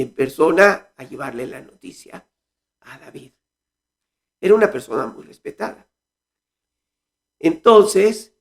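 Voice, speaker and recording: A man giving a home Sunday school Bible lesson, reading scripture aloud with expression. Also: fairly high pitch.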